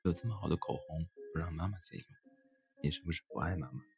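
A doting mother bear from a storybook who teases her cub with wry jokes, in a low, easy voice, as a man puts her on. Soft music plays faintly behind. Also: fast talker. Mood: teasing. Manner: teasing and wry.

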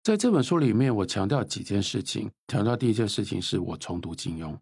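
Very husky, lively man in his fifties. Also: lowish voice, a little fast, dry recording, clean studio sound. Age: 50s. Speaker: author and lecturer guest. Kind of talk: reflective interview talk.

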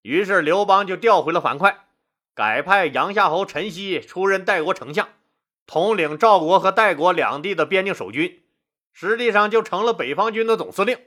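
A man telling history stories as host of an audio show, lively and colloquial with asides. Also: sits high, moderate pace. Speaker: storyteller host. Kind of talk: history storytelling.

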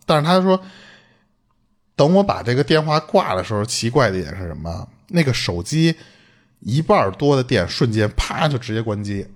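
A man's voice: medium pitch, moderate pace. A man, hosting a podcast and retelling a listener's eerie story in casual chat, acting out quoted lines and swearing. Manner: animated, swearing, acts out quoted speech.

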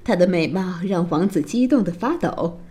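A woman narrating a children's fairy tale in a slow, expressive storytelling voice. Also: fairly low pitch.

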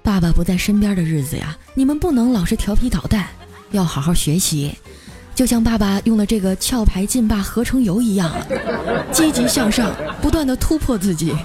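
A gruff, hot-tempered truck-driver dad near forty, as a woman storyteller acts him out. He scolds in a loud, blustering way, and the voice stays at a woman's middle pitch. Music plays faintly behind. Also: animated, fairly quick, some chatter behind, natural voice. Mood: lecturing.

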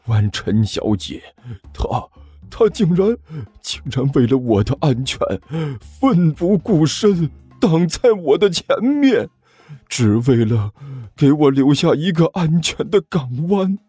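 A man voicing a timid, lovestruck young man who gushes and sobs in a high, quavering voice. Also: darkish tone, husky, dry recording, soft background music. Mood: weepy gushing. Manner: drawn-out, sobbing gushes. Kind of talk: storybook character voice.

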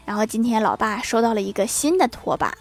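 A woman's voice: fairly high pitch, expressive, fast. A woman reading out a string of funny anecdotes, adding dry quips and chuckles after the punchlines.

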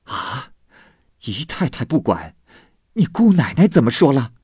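A man's voice: deep voice, sing-song, a little slow, husky, no echo, studio quality, full character voice. A man reading aloud voices a distressed aging mother who talks in an agitated, anxious way. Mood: indignant.

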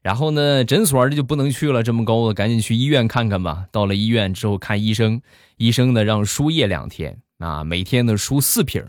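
A man's voice: lowish voice, a little fast, dry recording, clean studio sound. A man telling comic anecdotes in a chatty style, building up to punchlines. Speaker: comedy storyteller.

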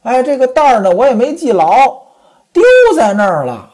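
A woman's voice: very animated, brisk, mellow, breathy edge. Woman doing Pan Jinlian, a wailing pleading concubine. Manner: high wailing protesting pleading. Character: cunning young concubine pleading innocence.

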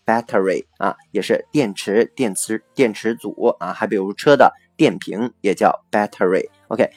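Low-voiced man teaching vocabulary. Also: moderate pace, darkish tone, dry recording. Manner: spells words letter by letter, frequent filler "啊" and "OK". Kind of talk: explanatory vocabulary lesson.

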